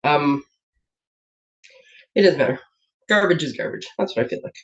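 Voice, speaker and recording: A woman's voice: low voice, expressive, moderate pace. A woman hosting a casual craft live stream from her home desk, rambling and laughing often, a bit congested from a sinus infection. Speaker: host of a papercraft live stream. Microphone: webcam setup. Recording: dull lo-fi stream audio.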